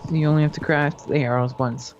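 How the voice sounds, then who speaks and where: Guest explainer, steady mid pitch, muffled dull mic. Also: fast talker, faint music behind. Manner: methodical, restarts sentences. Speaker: guest mod author. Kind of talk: explaining game mechanics.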